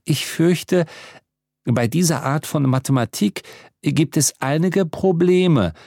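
A man's voice: on the high side, slow, a little mellow, dry recording, clean studio sound, pitched above the performer's own voice. A man voicing a careful, earnest young wizard scholar in an audiobook.

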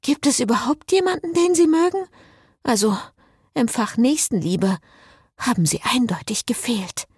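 A woman voicing a sharp-tongued, excitable young witch in a read-aloud novel. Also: medium pitch, a little slow, slightly rough, no echo, studio quality, voice pushed up, exaggerated voice. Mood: mocking.

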